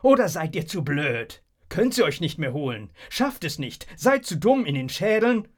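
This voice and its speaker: A rude male trickster taunts a crowd in a high, ringing, clear voice, loud and bouncy. His insults come out jeering and cackling. A man reading a storybook acts him out. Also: wildly swooping pitch, slow pace, full character voice. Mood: taunting.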